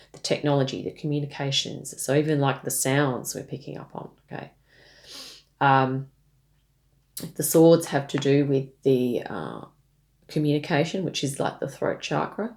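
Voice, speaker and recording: A woman giving a tarot reading, addressing the listener gently, with frequent fillers and restarts. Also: rumbling low, vocal fry. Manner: hesitant, many fillers and restarts; gentle, speaks directly to the listener. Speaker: tarot reader.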